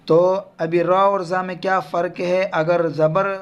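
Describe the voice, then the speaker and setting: On a muffled recording, a man with a Pakistani Urdu accent teaches children how to pronounce Quran letters, stretching out each letter sound between explanations. His voice sits high with little pitch movement and has a clear, resonant tone.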